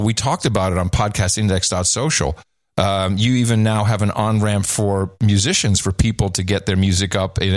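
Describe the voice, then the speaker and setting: A man's voice: fairly low pitch, no echo, clean studio sound. A man hosting a podcast in casual chat, jokey and laughing often, with rambling questions. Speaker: podcast host.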